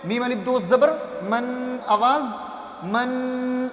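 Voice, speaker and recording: Slow-chanting Quran-primer teacher man in echoey room. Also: extremely high pitch, steady tone. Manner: slow drawn-out chanting of syllables between quick explanations; asks and answers his own questions.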